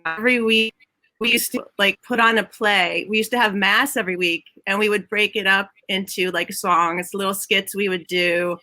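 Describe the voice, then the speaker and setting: A woman's voice: medium pitch, steady tone, moderate pace, pushed and bright, dry recording, soft background music. A woman in her fifties with a slight Minnesotan accent, chatting as an interview guest over a video call from home, laughing often and restarting sentences. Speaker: guest, Broadway head of props. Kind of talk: casual interview chat.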